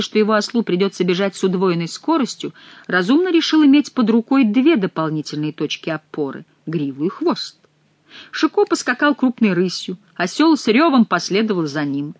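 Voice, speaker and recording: A woman reading a classic adventure novel aloud with expressive, animated storytelling. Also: mid-range voice, dry recording. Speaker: audiobook narrator. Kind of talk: scripted narration of a novel.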